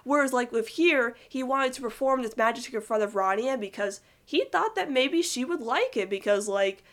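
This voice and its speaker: A young woman gushing about a cartoon couple in rambling, excited casual commentary full of "like". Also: on the high side, moderate pace. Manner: gushing, rambling, heavy use of "like", giggly. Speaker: cartoon fan reviewer.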